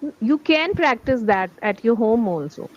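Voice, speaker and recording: A woman's voice: on the high side, lively intonation, moderate pace, highs cut off, slight background noise. A woman school teacher from India with an Indian English accent, a native Hindi speaker, talking in a casual, hesitant way with many fillers. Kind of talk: casual conversation.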